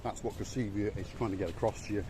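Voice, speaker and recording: A man's voice: fairly low pitch, fairly even intonation, fast, dark tone. An older man giving an enthusiastic walk-around commentary of a hotel, repeating his praise as he goes. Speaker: vlogger touring a hotel. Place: outdoors and indoors in a hotel, walking.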